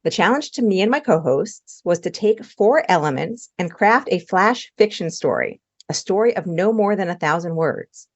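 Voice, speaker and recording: A woman's voice: on the low side, animated, moderate pace, hardly any pauses. Woman hosting a podcast, slightly muffled sound. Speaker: podcast co-host. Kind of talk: scripted podcast introduction.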